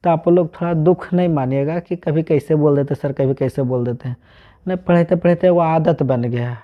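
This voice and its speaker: A man's voice: a little high, normal speed. A man from Bihar with a Bihari accent, teaching a math lesson online. He asks questions and answers them himself, mixing Hindi with regional dialect. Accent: Bihari, Magahi-tinged Hindi. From Bihar, India. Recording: dull lo-fi sound.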